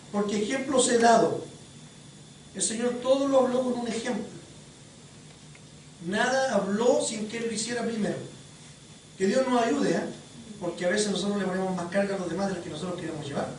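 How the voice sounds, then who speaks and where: A preacher gives a sermon in an animated storytelling manner and keeps quizzing the congregation. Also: medium pitch. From Chile. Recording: very echoey hall, distant mic, faint noise.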